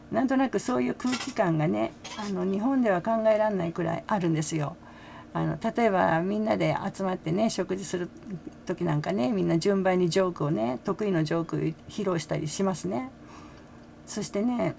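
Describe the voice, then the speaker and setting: A middle-aged woman talking casually about a concert, full of fillers and soft laughs. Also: medium pitch, vocal fry, slight background noise. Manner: chatty, many fillers, frequent soft laughs. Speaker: fan reaction vlogger. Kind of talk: casual commentary.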